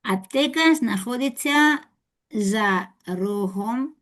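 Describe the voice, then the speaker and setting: A woman student reading aloud in class, hesitant and pausing as she works through sentences. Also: fairly high pitch, animated, a bit bright. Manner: hesitant, slow reading with pauses.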